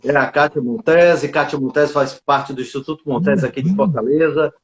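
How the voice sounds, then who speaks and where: A man with a fairly high voice hosts a live video interview at a normal speed, chatty and packed with fillers and asides. The stream audio is echoey, dull, and lo-fi.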